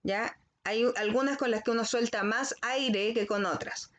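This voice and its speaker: A woman teacher giving a recorded language lesson to children. She explains slowly and carefully and keeps checking in with the class. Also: on the high side, fairly bright tone, lo-fi sound. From Chile.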